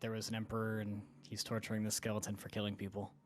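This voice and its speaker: Fast-talking man at a tabletop game. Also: on the low side, monotone. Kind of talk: casual game chat.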